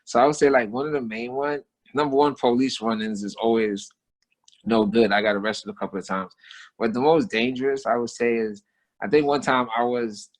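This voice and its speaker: The recording quality is low, capturing a medium-pitched man with fairly even intonation who talks a little fast. He's an American street artist, a guest who casually tells stories and philosophizes using slangy, emphatic, repetitive language.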